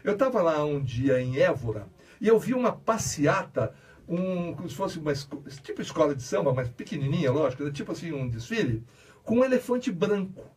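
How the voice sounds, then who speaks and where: Husky man telling stories. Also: a little high, sing-song, fairly quick, darkish tone. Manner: rambling, repeats words, many restarts. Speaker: author and interview guest. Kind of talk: casual radio interview storytelling. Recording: distant mic, radio studio.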